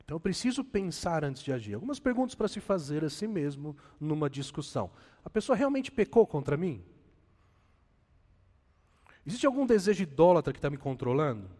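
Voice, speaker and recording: A Brazilian pastor preaches in a lively, swinging voice that sits fairly high for a man. His delivery is animated and sprinkled with self-deprecating humor. The sound carries a long hall reverb. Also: brisk. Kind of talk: sermon.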